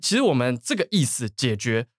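A man hosts a bilingual English vocabulary lesson, his speech swinging up and down in pitch as he quizzes his co-host. The sound is close and dry, with no room around it. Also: fairly quick, no echo. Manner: lively, questioning, prompts co-host.

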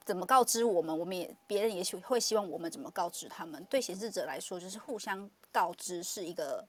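A woman hosting a relaxed conversation streamed live from an online audio room. She talks at a brisk clip, animated and quick to laugh, with plenty of filler words. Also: fairly low pitch. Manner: fast, animated, laughs often, many fillers. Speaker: podcast host.

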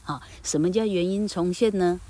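A woman's voice: lowish voice, normal speed, mellow. A woman giving a casual English grammar lesson, chatty and full of tag particles. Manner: chatty, frequent "ha" tag particles, calls herself 老客.

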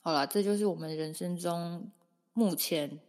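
A woman's voice: fairly low pitch, moderate pace. A young woman, co-hosting a podcast and dramatically retelling a story in casual chat. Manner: lively, dramatic retelling with acted-out asides. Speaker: podcast co-host.

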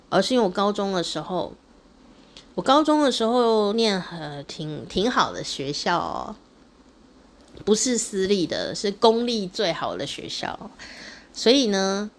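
A middle-aged woman with a Taiwanese Mandarin accent chats casually to her audience, telling a personal story. Her voice swings from high and lively to low and quiet as she plays with the telling. She keeps adding a drawn-out "oh" at the end of her phrases. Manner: animated, ends phrases with drawn-out "oh" tags. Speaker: vlogger.

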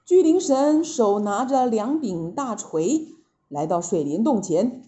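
生动讲故事的高音女声. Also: female voice, on the high side, slow pace. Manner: expressive, animated. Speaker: storyteller. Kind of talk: children's story narration.

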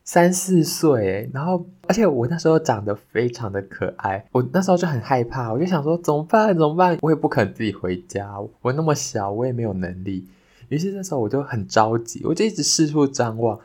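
A young podcast host tells a childhood story in a casual, animated way, his voice jumping higher as he retells the scary parts. He turns sincere when he gives thanks.

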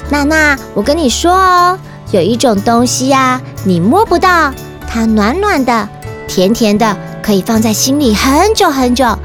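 A woman as high-voiced comforting big sister. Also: animated, a little slow, a bit bright, soft background music. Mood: coaxing. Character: upbeat, comforting older sister, a young girl.

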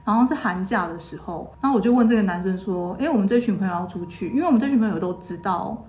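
A woman in her thirties, speaking at an ordinary middle pitch, tells a personal story to her co-host. She slips into other people's voices as she quotes them, and her pitch springs upward each time. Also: fast, roomy sound. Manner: lively retelling, acting out quoted voices with pitch jumps. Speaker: podcast co-host. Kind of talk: casual storytelling chat.

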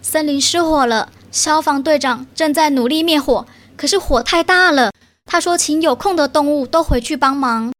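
A woman's voice: sits high, normal speed, fairly bright tone, pitched above the performer's own voice. A woman voicing a panicked little raccoon dog who speaks in an urgent, flustered rush in a children's storybook.

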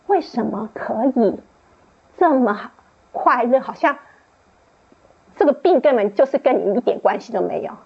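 A woman tells a personal faith story at a book club, her voice fairly high and a bit husky. She rambles, starting over often and filling gaps as she goes. The recording sounds dull and lo-fi. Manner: rambling storytelling with many restarts and fillers; laughs often, rising high when laughing. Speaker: book club member sharing testimony. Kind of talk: personal testimony in casual chat.

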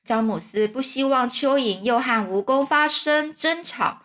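Lady reading kids a storybook, a bit high voice, explains words as she goes. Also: measured pace, a bit bright. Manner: explains words for children, casual asides.

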